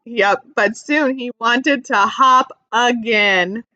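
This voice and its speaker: A woman on the high side reads slowly to young children from a picture book, animated, asking questions and keeping explanations simple. No room sound comes through, and the recording is muffled.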